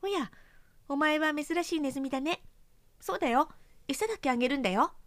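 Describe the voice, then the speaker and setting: A talking mousetrap, put on by a woman narrator, speaks in a high, sweet, coaxing voice. It sounds motherly but touchy, and its melody is lively. The reading is dry and close to the mic. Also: a little fast, no echo.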